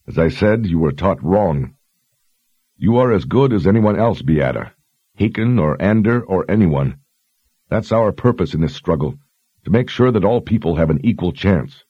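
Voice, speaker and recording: A man doing a grave, quiet lord. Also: low-pitched, expressive, normal speed, breathy edge, no room sound, muffled recording. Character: stern, kind male lord, commanding.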